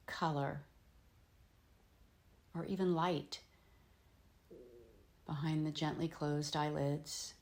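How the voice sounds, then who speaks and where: Leading a yoga nidra meditation, a woman with a low voice gives slow, gentle guidance in a steady tone. Her short, calming phrases are spaced apart by long pauses, the instruction never hurried.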